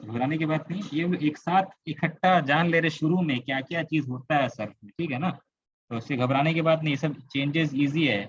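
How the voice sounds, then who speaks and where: A man's voice: fairly high pitch, fairly quick, breathy edge, highs cut off. Kolkata-accented man teaching an online class. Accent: Indian, Kolkata. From India. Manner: explanatory, repeats words, asks students questions. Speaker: Arabic grammar teacher. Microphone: computer mic on a video call.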